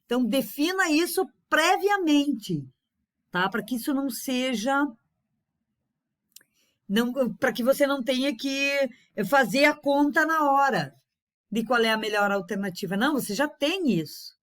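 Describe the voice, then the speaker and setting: A woman teaching a class in an unhurried lecture, with many fillers and repeated words. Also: sits high, expressive.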